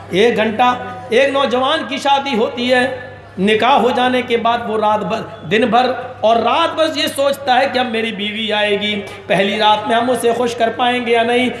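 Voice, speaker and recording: A male preacher delivers a fervent sermon, lifting into shouts and chanted passages. His voice is pitched very high. It echoes widely with the long reverb of a big hall. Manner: impassioned, rises to shouts and chanted lines. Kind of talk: impassioned sermon.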